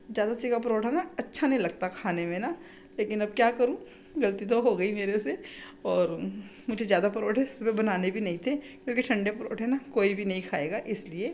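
A woman in her thirties from India talks through her morning in a casual home vlog, recorded in her kitchen. She sounds a little strained from a sore throat. She rambles warmly and pads her sentences with small fillers. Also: medium pitch, expressive, moderate pace. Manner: chatty, frequent filler "ना". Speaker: vlogger and mother.

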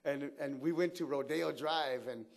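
A man's voice: on the high side, moderate pace, creaky. A man telling his own life story in loose street slang, acting out what people said and laughing often. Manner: animated, acts out quotes, laughs often. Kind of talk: personal life story told to camera.

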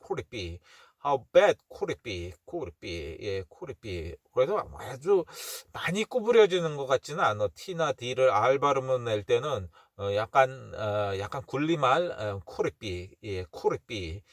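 A Korean-speaking man teaching English pronunciation, saying phrases slowly several times and then explaining them quickly and casually with small laughs. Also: mid-range voice, very animated, dry recording.

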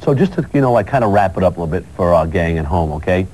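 A man hosting a fitness TV show, coaching a workout with energetic calls and then interviewing a guest. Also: racing, a little hiss or hum, low-quality recording. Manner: pumped-up coaching calls, lively pitch.

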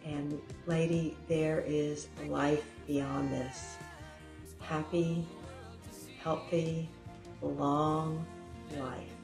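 A woman's voice: deep voice, fairly even intonation, very slow, reverberant, music in the background. A woman leaving an upbeat, encouraging video message.

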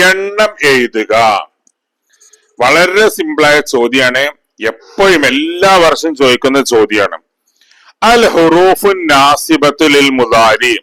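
A male teacher giving an exam revision lesson, with a slightly high and bright voice. He speaks slowly, repeats each term and keeps asking his pupils questions. The sound is dry and close. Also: no room sound, rough recording. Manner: chants grammar rhymes slowly. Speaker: Arabic teacher.

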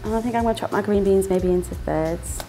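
With soft music in the background, a young student presenter from the north of England talks quickly and playfully while cooking in a small indoor kitchen. Her voice is medium-pitched and mellow, and she laughs frequently and uses little sound words.

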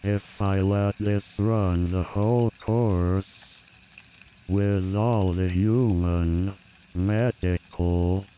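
A man reading a scripted personal essay in measured, deliberate phrases with pauses. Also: low-pitched, dark tone, slight background noise.

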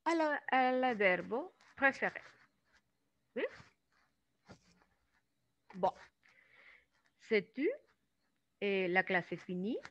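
A woman with a Venezuelan accent teaching a French grammar lesson in Spanish, drawing out the French words slowly and often checking in with her students. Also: medium pitch, animated, fairly bright tone. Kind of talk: classroom lesson explaining grammar. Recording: dull, dry lo-fi recording.

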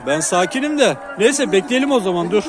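A man filming his pigeon loft outdoors in a city, chatting casually and calling loudly to coax his birds in. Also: sits high, expressive, fairly quick, crowd noise. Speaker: pigeon keeper and channel host. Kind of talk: casual outdoor vlog chat. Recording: noisy outdoor recording. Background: birds and city traffic.

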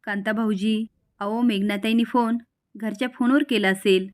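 A woman's voice: medium pitch, moderate pace, close to an everyday voice. A woman voicing a kind, obliging middle-aged family man in a storybook recap. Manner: obliging, calm.

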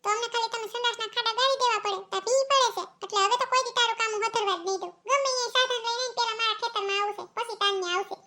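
A pack of shrill, bossy village women in a cartoon, with a Kathiawadi accent. The voice sits sky-high and bright, racing along as it nags and hollers. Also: female voice, steady tone. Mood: scolding. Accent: Kathiawadi Gujarati. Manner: shrill, quick, nagging and shouting. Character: loud bossy village women, middle-aged, scolding. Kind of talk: cartoon comedy voice acting.

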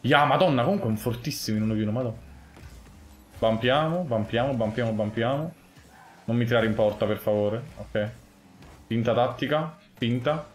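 A young man commentating his own gameplay live, muttering one moment and yelling the next. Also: medium pitch, moderate pace, reverberant. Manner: excitable, swings from muttering to yelling. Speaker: gaming streamer.

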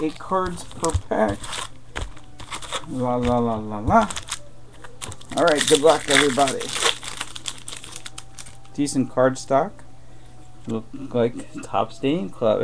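In a somewhat high voice with vocal fry, the card break host murmurs play-by-play while opening trading card packs live, with background noise present. The setting is a room with boxes on a desk, and soft wrapper crinkles sound behind him.

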